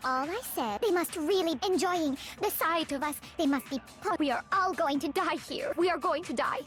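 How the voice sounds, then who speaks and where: Squeaky chipmunk-voice haughty young game suspect, very high, taunting, loud game music behind. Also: female voice, moderate pace. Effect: sped-up chipmunk voice. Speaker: game character replaying testimony. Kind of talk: voiced video game dialogue.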